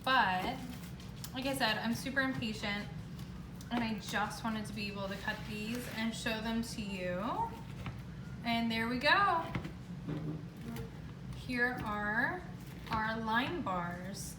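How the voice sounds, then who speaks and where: A woman's voice: a little high, slow, pauses often. A woman hosting a casual home baking demonstration in a chatty, informal, upbeat way. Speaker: home baking show host. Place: indoor home kitchen. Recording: echoey room, distant mic, clear noise.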